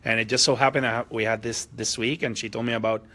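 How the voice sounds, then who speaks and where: A man's voice: medium pitch, level tone, quick pace, pushed and bright, slight background noise. A man hosting a group meeting, chatty and friendly, often repeating himself. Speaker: meeting host. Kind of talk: casual hosting chat.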